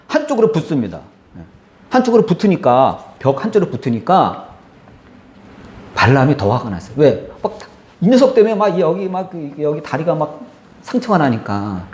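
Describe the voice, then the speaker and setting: A male pastor preaching a sermon, telling the story with animated delivery and acting out the characters' lines. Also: a little high, echoey room.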